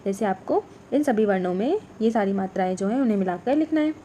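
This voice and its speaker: A woman teaching a workbook lesson to young children, slow and clear, repeating each letter and word. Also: mid-range voice, animated, dark tone, slight background noise.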